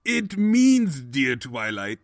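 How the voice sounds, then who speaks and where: A man's voice: mid-range voice, very animated, dry recording. Evil pony king, pompous n scheming, super theatrical up and down voice, dry close sound w faint music under. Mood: smooth scheming. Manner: grandiose, theatrical, drawn-out delivery. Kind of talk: comic audio drama acting.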